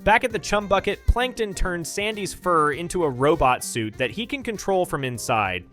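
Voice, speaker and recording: A man's voice: high-pitched, expressive, normal speed, sharp tone, faint music behind. A man narrating a scripted cartoon breakdown with a sarcastic, incredulous tone.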